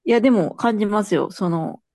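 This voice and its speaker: A woman's voice: medium pitch, quick pace, warm tone, no echo. A woman in casual chat, listening and chiming in with short replies and teasing remarks. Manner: attentive listener with frequent back-channel nods.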